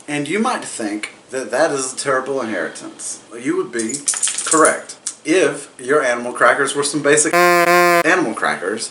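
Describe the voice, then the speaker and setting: A man's voice: mid-range voice, bright, forceful tone. A man giving a casual, comedic movie recap in a tipsy, rambling, stumbling way, profane and mock-exasperated. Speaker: host of a comedic drunk movie review show. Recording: echoey room with faint background noise.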